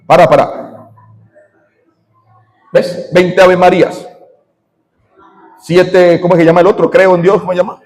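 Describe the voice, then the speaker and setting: A man, preaching a sermon as pastor, animated, quizzing his congregation and breaking into shouts. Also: sits high, moderate pace, pauses often, in a large hall, rough recording. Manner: animated, asks the congregation questions, shouts in bursts.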